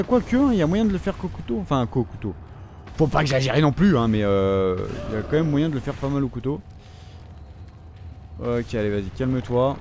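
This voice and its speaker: A man's voice: mid-range voice, darkish tone, a little hiss or hum. A young man with a French accent commentating his gameplay, swearing constantly and scolding the characters on screen. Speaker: gamer.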